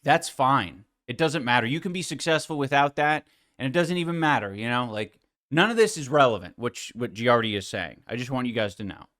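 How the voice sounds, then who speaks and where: A man's voice: mid-range voice, animated, fairly quick, a bit bright. A man streaming live, reacting to clips with sarcastic, mocking commentary and frequent laughter.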